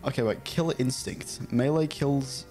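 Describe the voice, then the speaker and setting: This Dutch streamer talks at a moderate pace in a medium, darkish voice while soft music plays. Playing a game in a small room at home, he chats casually, giggles frequently, and reads chat and game text aloud in English with a British-style accent.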